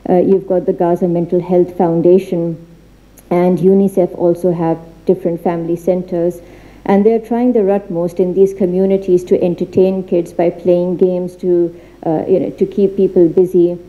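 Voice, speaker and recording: A woman giving an earnest seminar talk in an institute library, halting often with fillers and restarts. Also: lowish voice, little pitch movement, phone-quality sound. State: becoming emotional. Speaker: seminar speaker. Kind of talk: formal seminar talk with slides.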